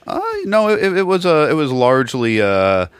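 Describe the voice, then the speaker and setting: A man hosting a podcast, chatting casually with deadpan jokes and sudden loud bursts. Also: medium pitch, normal speed, smooth, dry recording. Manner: deadpan jokey, jumps up loud when riled. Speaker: podcast host.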